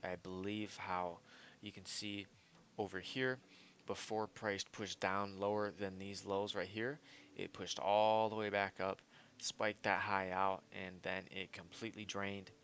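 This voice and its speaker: A man's voice: low-pitched, a bit bright, a little hiss or hum. A man walking through his trading chart analysis in a casual, confident and rambling way, with lots of fillers. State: hiccups. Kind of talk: casual screen-share market analysis.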